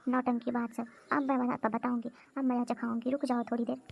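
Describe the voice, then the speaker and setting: A woman's voice: fairly high pitch, little pitch movement, brisk, creaky, darkish tone. A woman voicing a bossy, hot-tempered married sister on a visit in a comedy cartoon, who scolds and complains constantly. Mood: grumbling, scolding. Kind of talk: cartoon voice acting.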